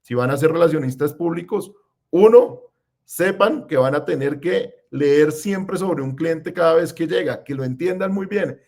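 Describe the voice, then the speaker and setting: A man's voice: on the high side, a little slow, a little mellow. Emphatic man giving direct advice. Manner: emphatic, gives direct recommendations. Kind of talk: podcast conversation.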